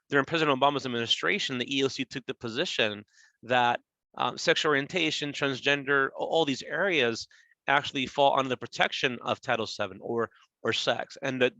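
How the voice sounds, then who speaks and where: A man in his forties speaks in a mid-range voice that sounds pushed and bright, captured with no echo and dull audio. Presenting for a government agency, he talks through workplace law in an informal webinar, rephrasing points and often asking "right?"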